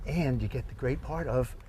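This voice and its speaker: A man's voice: medium pitch, a little mellow, slight background noise. A man hosting a fishing show, chatting casually out on a boat and filling his talk with ums and uhs. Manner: chatty, hesitant with many fillers. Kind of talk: casual outdoor chat while fishing. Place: on a fishing boat outdoors at sea.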